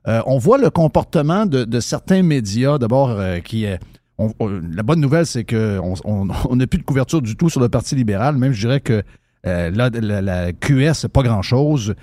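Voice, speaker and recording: A male radio host with a Québécois French accent, his voice warm and mellow. He asks his questions in a rambling, hesitant way, circling back with fillers and restarts. The sound is dry and close. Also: mid-range voice, expressive, moderate pace, no echo. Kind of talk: political talk radio interview.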